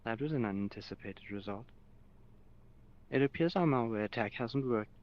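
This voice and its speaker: A man doing a smooth, detached android. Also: medium pitch, moderate pace, highs cut off, close to an everyday voice. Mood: clinical. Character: calm, detached android, male. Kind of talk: tabletop roleplay voice acting.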